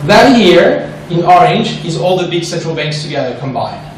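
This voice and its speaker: A French investment presenter gives an animated seminar in a large echoey room, speaking at a moderate pace in a fairly high voice. He keeps engaging the audience with questions and "right?", and the recording, taken from afar, has slight background noise.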